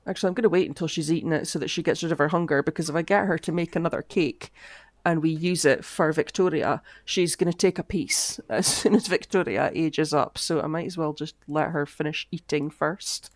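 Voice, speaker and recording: In a dry recording, a woman streamer talks through her gameplay in a low-pitched, brisk voice with hardly any pauses. She chats casually and murmurs soft asides as she thinks, her words breaking off from a lingering cough.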